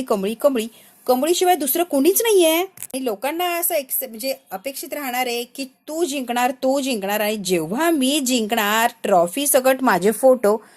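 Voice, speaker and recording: High-voiced woman retelling a serial. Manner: animated storytelling that voices the characters' lines. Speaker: serial review narrator. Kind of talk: retelling a TV serial episode with quoted dialogue.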